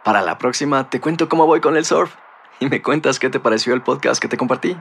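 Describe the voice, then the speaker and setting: A man's voice: medium pitch, fast talker, creaky, a bit bright, husky. A young man speaking a cheerful, chatty scripted ad message as if to his mother. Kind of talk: scripted ad monologue.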